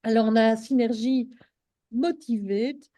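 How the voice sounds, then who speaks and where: Woman, casual live-stream chat, halting with fillers, slightly high voice, dry close sound. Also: mellow, no echo. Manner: hesitant, many fillers and restarts. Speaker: host of a live stream on essential oils.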